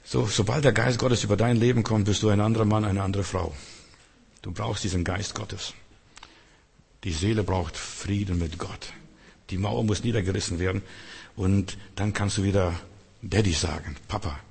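Male preacher, low husky voice, earnest sermon, long hall reverb. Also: fairly even intonation, normal speed. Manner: earnest, acts out quotes, drops to soft tones.

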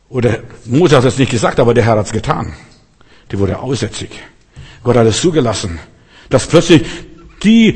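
A man's voice: fairly high pitch, slightly rough, long reverb tail. A man preaching a sermon to his congregation, emphatic and fond of rhetorical questions, acting out quoted voices.

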